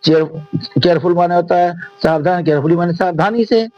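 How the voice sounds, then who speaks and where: A man from India with a Hindi accent, teaching an English lesson in Hindi and reading the English lines out slowly. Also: high voice, highs cut off, soft background music. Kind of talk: classroom lesson explanation.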